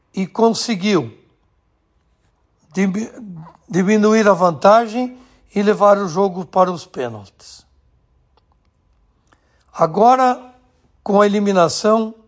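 A man from Rio do Sul delivers scripted radio sports commentary into a studio microphone. His voice sits high for a man, and he reads slowly and deliberately. He breaks his lines into short, measured phrases.

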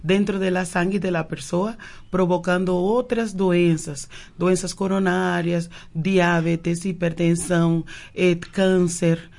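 A woman's voice: on the low side, fairly even intonation, slow, creaky, darkish tone. A Cuban woman whose first language is Spanish, a naturopath guest on a radio show, who speaks Portuguese with Spanish words mixed in and often repeats words while searching for them. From Cuba. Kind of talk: radio interview answers. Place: radio studio.

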